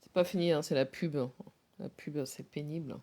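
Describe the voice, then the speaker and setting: A woman's voice: deep voice, fairly even intonation, normal speed, warm tone. A woman hosting a live stream, teasing, laughing often and asking her viewers questions. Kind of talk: mocking live commentary.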